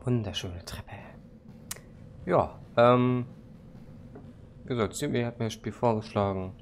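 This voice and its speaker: A gaming YouTuber doing let's-play commentary, joking and talking back to the game, and haltingly reading English text aloud. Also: male voice, medium pitch. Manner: joking, talks to the game and its monster. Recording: loud background noise.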